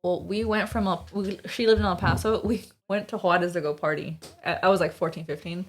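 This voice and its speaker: A woman's voice: lowish voice, fairly even intonation, fairly quick. A woman in her thirties, a podcast co-host, telling a childhood story in a chatty way, full of "like" and "you know.". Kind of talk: casual chat, storytelling.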